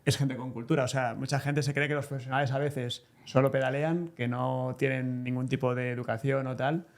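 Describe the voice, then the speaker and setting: Enthusiastic slangy co-host. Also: male voice, medium pitch, steady tone, brisk, creaky. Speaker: podcast co-host. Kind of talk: casual podcast chat.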